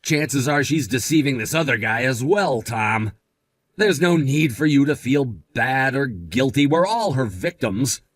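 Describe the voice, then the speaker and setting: A man's voice: medium pitch, animated, measured pace, dry recording. A laid-back young guy who speaks casually and with slang, his voice rising and falling freely, as a man acts him out. The sound is dry and close, with no room around it. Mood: scheming.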